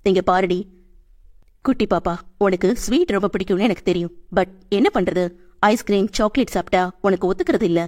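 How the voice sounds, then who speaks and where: A woman reading an audiobook and voicing a stern young male boss who scolds quickly but cares. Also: medium pitch, darkish tone, natural voice. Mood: gently stern. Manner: scolding, rapid, bossy.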